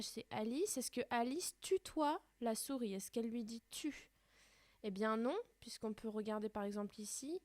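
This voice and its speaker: A woman's voice: medium pitch, a little mellow, no room sound. A woman teaching a primary school class in a recorded remote lesson, explaining patiently step by step.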